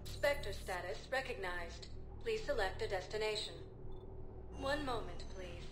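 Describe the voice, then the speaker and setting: A woman voicing a calm female station computer that makes even, polite announcements. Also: mid-range voice, unhurried, heavy background noise, natural voice. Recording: echoey game audio with music.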